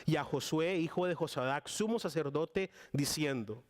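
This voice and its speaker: A man's voice: on the high side, normal speed. A young Costa Rican man with a Costa Rican accent, preaching a casual guest sermon with lots of fillers and restarts. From Costa Rica. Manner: chatty and warm with frequent fillers and restarts.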